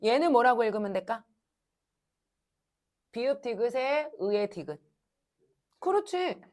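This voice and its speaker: A woman teaching a high-school language class, asking students questions and answering them herself in a brisk, coaxing way. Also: very animated, a little mellow. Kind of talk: classroom lecture.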